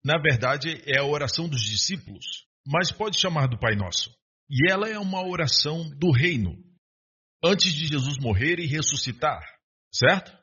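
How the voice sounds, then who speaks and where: A male preacher delivers a sermon, asking rhetorical questions and calling for an amen. His voice sits a little high and sounds forceful and bright, with a husky edge. The recording is dull and lo-fi. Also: animated, moderate pace.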